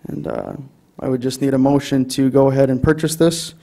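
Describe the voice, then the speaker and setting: A man's voice: mid-range voice, fairly even intonation, brisk, creaky, dark tone. A man with an Upper Midwest American accent presenting an item to a city council, with many ums and restarts. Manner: hesitant, many fillers. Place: council chamber.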